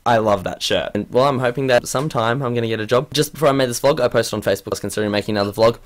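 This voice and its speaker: Fast-talking teenage guy. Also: medium pitch, fairly even intonation. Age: late teens. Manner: rambling, self-deprecating, trips over his words. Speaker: vlogger. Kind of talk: casual vlog monologue.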